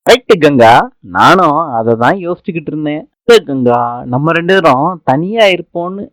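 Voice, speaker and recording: Man doing a shy sweet husband, gentle pleading way of talking, dry mic. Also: a little high, animated, moderate pace, dry recording. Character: shy affectionate young husband. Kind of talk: serial recap narration.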